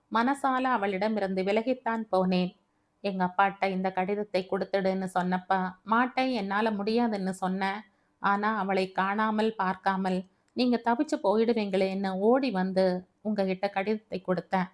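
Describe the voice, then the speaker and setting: A woman's voice: mid-range voice, steady tone, moderate pace, lightly acted. A woman voicing a guilt-ridden young man who earnestly and tearfully apologises to a grieving widow. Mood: guilty, tearful.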